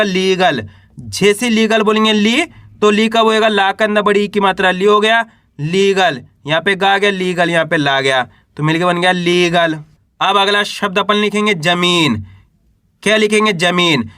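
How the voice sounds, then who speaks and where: A patient male teacher with a high, bright voice sounds out syllables one by one for beginners. He asks himself each question and answers it in a slow, even classroom rhythm. His voice is recorded close up and dry, with no room echo. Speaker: Hindi reading teacher. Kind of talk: slow spelling lesson for beginners.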